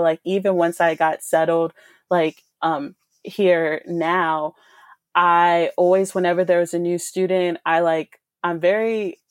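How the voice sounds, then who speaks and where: A woman's voice: lowish voice, no echo. A woman in her twenties chatting casually, with many fillers and restarts. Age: 20s. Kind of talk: casual chat.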